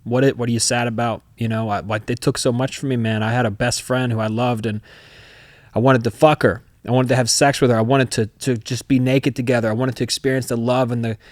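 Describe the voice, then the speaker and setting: A man talking in a candid, unfiltered way, swearing freely and leaning hard on his words. His voice sits at an ordinary middle pitch, and the sound is close and dry with no room around it. He tells his story with plenty of emphasis and sudden bursts of force. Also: steady tone, brisk, no room sound. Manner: emphatic, profane, swings into loud re-enacted outbursts. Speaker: podcast host.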